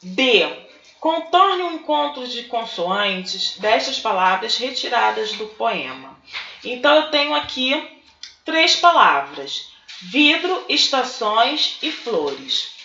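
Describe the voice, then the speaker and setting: A woman teacher, slowly working through textbook exercises and breaking words into syllables. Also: on the high side, very animated, pushed and bright, a little hiss or hum. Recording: dull, echoey room recording.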